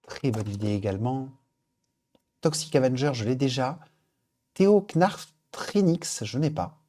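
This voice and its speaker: A man's voice: medium pitch, animated, a little slow, mellow. A man hosting a live stream, chatting casually as he reads out viewer suggestions. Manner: upbeat, chatty, thinking aloud. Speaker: livestream host.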